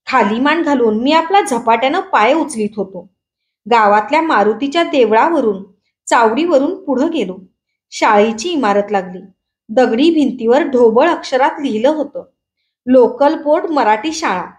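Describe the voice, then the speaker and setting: A woman reading a rural story aloud with a Marathi accent, in steady first-person storytelling narration. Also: sits high. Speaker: story reader.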